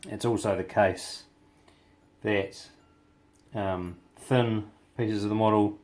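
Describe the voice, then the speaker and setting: A man with a New Zealand accent and a gravelly voice, giving a casual hands-on hobby demonstration in halting, unscripted phrases. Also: steady tone, darkish tone, a little hiss or hum. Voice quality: gravelly, low voice. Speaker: hobby tutorial presenter.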